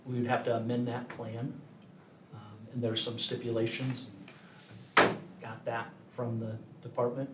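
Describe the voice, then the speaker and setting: A man gives a measured meeting report to a school board, with frequent filler pauses. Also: mid-range voice, monotone, pushed and bright, slight background noise. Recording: echoey meeting room, voice from far off.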